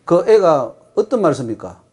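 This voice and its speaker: A male pastor with a Gyeongsang accent delivers an emphatic sermon. His voice sits high and swoops up and down, and he keeps putting rhetorical questions to his congregation. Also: sing-song, normal speed, dark tone, breathy edge. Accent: Gyeongsang Korean.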